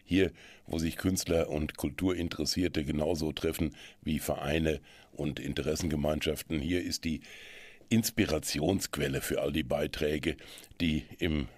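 Very deep-voiced male radio host. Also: fairly even intonation, moderate pace, no room sound. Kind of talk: radio magazine presenting. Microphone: studio microphone.

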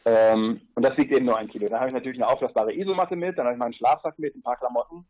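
Husky guy chatting fast on a podcast, lots of side notes. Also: mid-range voice, darkish tone, muffled recording. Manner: rambling, explains with asides and fillers. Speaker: guest, paddler on a long river trip. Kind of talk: casual podcast interview.

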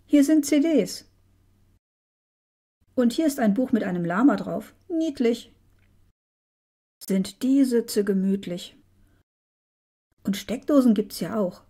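A small, eager male dust mouse marvels at everything around him, voiced by a woman reading a storybook. His voice sits a little higher and livelier than plain speech, soft and mellow with a breathy edge. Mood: curious. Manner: lively, wide-eyed and quick to marvel.

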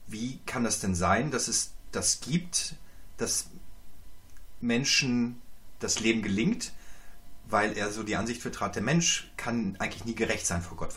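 A man's voice: fairly low pitch, a bit bright. A man co-hosting a podcast, talking through church history in a reflective, conversational way. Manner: reflective, conversational, uses fillers like "halt". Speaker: podcast co-host. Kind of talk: theological discussion.

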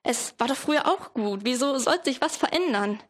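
Teen girl doing a rowdy flag-waving preposition ranting away, high-ish. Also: animated, normal speed. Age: teens. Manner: ranting, rabble-rousing.

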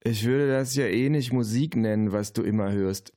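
Ein Mann liest ein Hörbuch und spricht einen trocken spöttischen Jungen. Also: male voice, lowish voice, normal speed, warm tone, voice pushed up, lightly acted.

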